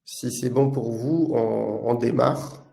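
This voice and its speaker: A man from Italy speaking with an Italian accent, presenting a live webinar as a product manager in a halting delivery full of filler sounds. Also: mid-range voice, steady tone, creaky, dark tone.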